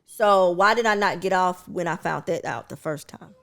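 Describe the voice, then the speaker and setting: A woman in her late thirties co-hosts a casual podcast, telling her life story candidly and with animated slang. Her voice sits low and has a gravelly edge. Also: moderate pace. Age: 30s. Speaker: podcast co-host. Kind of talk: casual chat.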